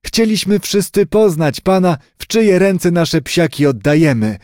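A man's voice: high-pitched, animated, measured pace, a little mellow, no echo, clean studio sound, voice pushed up. A man reading an audiobook and voicing an elderly grandmother who is proud and easily offended, with a sing-song, boastful way of talking. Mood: coaxing.

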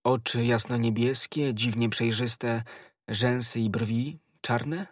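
A man's voice: medium pitch, steady tone, takes it slowly, dry recording. Man doing a grave noble musketeer, worried, pressing questions, dry close voice. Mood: grim.

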